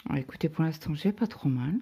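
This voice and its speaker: A middle-aged woman talks casually to her viewers, wandering through a story and stopping on hesitant fillers. Her voice sits low and dark, with a gravelly, husky texture. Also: expressive, quick pace. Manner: rambling storytelling full of "euh" fillers. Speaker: craft vlogger. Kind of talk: casual chat.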